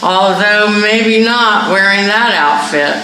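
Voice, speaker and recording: A woman's voice: medium pitch, slow, very noisy, close to an everyday voice. Woman reading as a nagging mother. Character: nagging middle-aged mother, critical. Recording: echoey room, mic far off.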